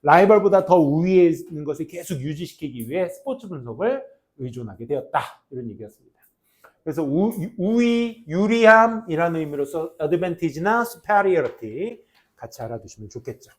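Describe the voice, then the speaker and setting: A man teaching an English class to high school students, mixing grammar explanations with jokes and teasing. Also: moderate pace. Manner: animated, jokey, teasing students between grammar points. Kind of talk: classroom lecture with banter.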